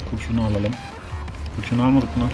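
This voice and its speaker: Grumbling man over loud game music. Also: mid-range voice, level tone, fast talker. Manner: grumbling, cursing, easily frustrated. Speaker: gameplay commentator. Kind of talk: casual let's play commentary.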